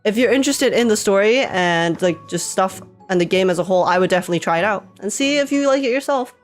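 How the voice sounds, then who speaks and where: A woman streamer chats excitedly at her desk mic, repeating herself and breaking into frequent laughs. Her voice sits mid-range and sounds a bit stuffy, since she has just woken up. Faint game music plays underneath. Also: mid-range voice, fast. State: stuffy nose, just woke up. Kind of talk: casual live-stream reaction chat. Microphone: desk microphone with webcam.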